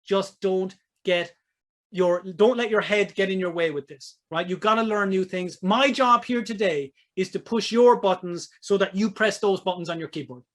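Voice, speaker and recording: High-voiced man pitching his coaching webinar. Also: normal speed. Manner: energetic, salesy, keeps checking in with "right?" and "okay?". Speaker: business coach hosting a webinar. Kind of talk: live webinar sales pitch.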